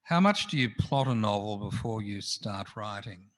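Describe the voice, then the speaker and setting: A man's voice: lowish voice, animated, normal speed. A man interviewing an author at a festival, asking brief, direct questions.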